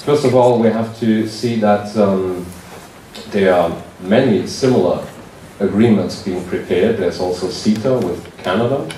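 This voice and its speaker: A man with a German accent gives a conference keynote speech. He pauses often and fills the gaps with "uh" and "um". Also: fairly low pitch, dark tone. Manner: hesitant, many fillers. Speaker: keynote speaker, member of parliament. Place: conference hall. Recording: distant echoey hall recording with background noise.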